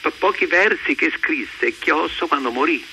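An older man reminiscing haltingly as a guest in a radio conversation. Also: fairly high pitch, lively intonation, bright, forceful tone, rough recording. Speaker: guest recalling former colleagues. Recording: faint noise behind the voice.

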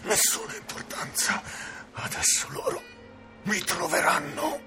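A man's voice: high-pitched, sing-song, unhurried, vocal fry, pushed and bright, soft background music, heavily acted. An actor playing a frightened man wrapped in bandages, pleading and hissing in half-whispers in an audio drama. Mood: fearful.

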